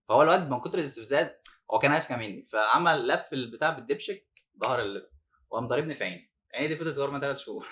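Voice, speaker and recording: A man with an Egyptian accent, a former detainee telling his story as a podcast guest, animated and laughing now and then. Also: mid-range voice. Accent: Egyptian Arabic. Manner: animated, laughs while recounting hardship.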